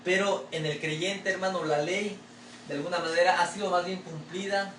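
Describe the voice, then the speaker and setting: A man's voice: high voice, steady tone, normal speed, a bit bright. A man pastor preaching a sermon in a church in a conversational way, often calling the listener brother and asking rhetorical questions. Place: church sanctuary. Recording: echoey room, distant mic, faint ambient noise.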